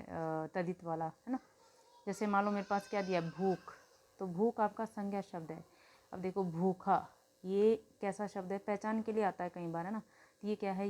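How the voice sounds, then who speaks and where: A woman's voice: medium pitch, darkish tone. Hindi teacher woman repeating key words. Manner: repeats key words slowly, asks and answers her own questions; addresses students as children, tells them to note things down. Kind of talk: grammar lesson for students.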